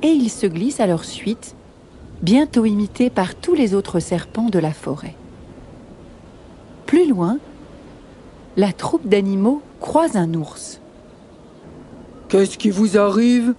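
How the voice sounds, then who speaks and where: Slow, mellow woman storyteller. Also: mid-range voice, a little hiss or hum. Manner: expressive, unhurried storytelling. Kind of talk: children's story reading.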